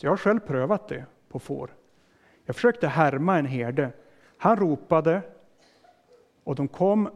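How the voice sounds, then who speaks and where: A man with a fairly high voice preaches a sermon as a pastor. He talks in a plain, explaining way, putting questions to his listeners and leaving everyday fillers and restarts in his speech. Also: darkish tone.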